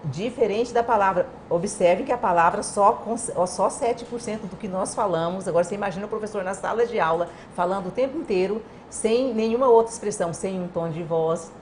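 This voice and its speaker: Woman, interview guest, animated explainer, acts out quotes, faint noise behind. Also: medium pitch, a little fast, few pauses. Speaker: guest communication expert.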